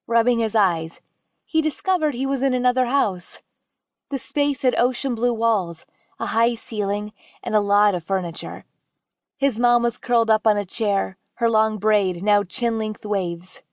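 A woman's voice: medium pitch, no echo. Woman narrating with a dry close sound. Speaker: audiobook narrator. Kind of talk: scripted fiction narration.

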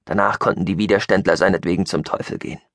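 A man narrating a science-fiction audiobook in an expressive, scripted reading. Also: low voice, fast talker, gravelly, no echo, studio quality.

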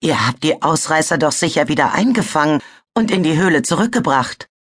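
A woman's voice: low voice, expressive, fairly quick, breathy edge. A woman voicing a young female mud dragon, earnest and questioning. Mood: curious.

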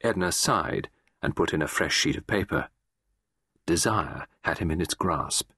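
A man reading a classic mystery as an audiobook narrator, measured and expressive. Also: rumbling low, husky, no echo, studio quality.

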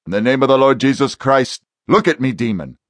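A stern male exorcist barks forceful, insistent commands with full confidence, as an audiobook narrator plays him. His voice is pitched at a middling level. The sound is dry and close. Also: fairly quick, dry recording, natural voice. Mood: commanding. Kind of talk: audiobook character voice.

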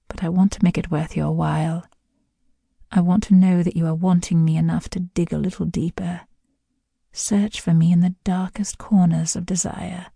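Woman, sultry close-mic narrator: dark, breathy, very slow, half-whispered. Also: on the low side, dry recording. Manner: slow, hushed, seductive delivery with whispered phrases. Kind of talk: scripted intimate second-person audio narration.

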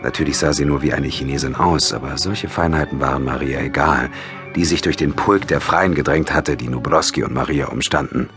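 Deep-voiced male audiobook narrator. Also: fairly quick, over music. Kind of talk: scripted narration.

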